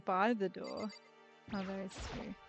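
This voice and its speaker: A woman's voice: mid-range voice, steady tone, a little slow, gravelly. A woman playing through a story game on stream, reading every character's lines aloud with casual asides. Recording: slightly dull lo-fi mic with faint music.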